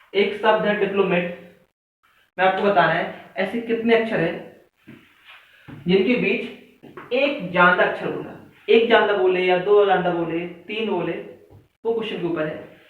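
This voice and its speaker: Male maths teacher, high voice, counts aloud step by step; far from the mic in an echoey room, phone-like sound. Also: measured pace, long pauses. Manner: counts aloud step by step, asks students questions. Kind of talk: classroom lesson explanation.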